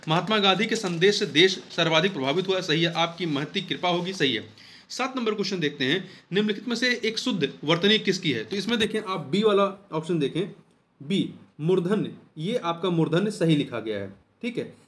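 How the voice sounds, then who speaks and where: A high-pitched man walks through exam questions one by one. He talks patiently, repeating each key word and slowing down to spell it out. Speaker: Hindi exam-prep teacher. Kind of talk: explaining test answers.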